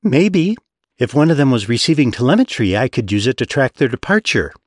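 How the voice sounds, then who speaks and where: A man's voice: medium pitch, big pitch swings, brisk, dry recording. A man voicing a haughty female demon baron with a dry, teasing, brochure-like manner. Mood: sly.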